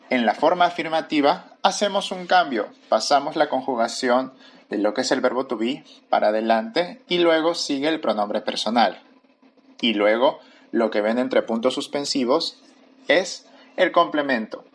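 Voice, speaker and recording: A man teaching a recorded grammar lesson, speaking slowly and deliberately and repeating each form. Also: mid-range voice. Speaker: English teacher.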